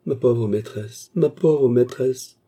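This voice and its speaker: A man reading aloud, voicing a sly young chambermaid who speaks in a sugary, falsely tearful way, with a husky voice. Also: fairly low pitch, fairly even intonation, moderate pace, mellow. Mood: feigned pity.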